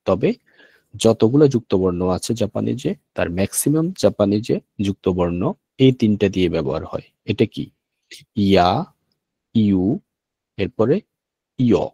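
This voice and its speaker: A man with a Bangladeshi Bengali accent teaching an online language lesson, slow and patient, repeating each sound. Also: on the low side, gravelly, dark tone, slightly rough, no room sound.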